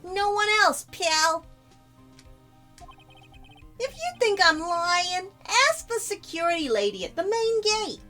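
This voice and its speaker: A woman voicing a gruff, blustering male police detective who keeps calling people pal, over faint music. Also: very high-pitched, sing-song, slow pace, pauses often, bright, forceful tone, voice pushed up, exaggerated voice. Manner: brash, says "pal" a lot.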